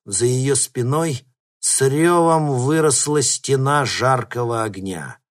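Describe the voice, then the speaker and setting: A man reading an audiobook in steady, dramatic narration. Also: mid-range voice, takes it slowly. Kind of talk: scripted narration.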